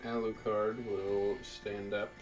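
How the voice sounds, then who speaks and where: A man's voice: lowish voice, little pitch movement, takes it slowly, recorded from a distance. A man running a tabletop role-playing game as game master, narrating events and calling out rolls. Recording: roomy, off-mic, music behind.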